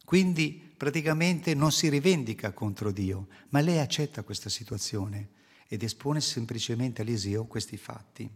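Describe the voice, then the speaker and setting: A man's voice: mid-range voice, expressive, moderate pace, breathy edge. A man preaching a sermon to a congregation, explaining scripture earnestly and posing rhetorical questions. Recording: long hall reverb.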